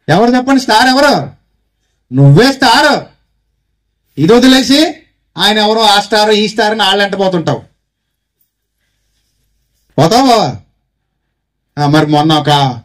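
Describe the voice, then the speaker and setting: A male pastor with a Telugu accent delivers an exhorting sermon in a high voice. He fires rhetorical questions at his listeners and leads them in repeated call-and-response lines. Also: fairly bright tone. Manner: exhorting, calls congregation to repeat phrases. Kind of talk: Christmas sermon.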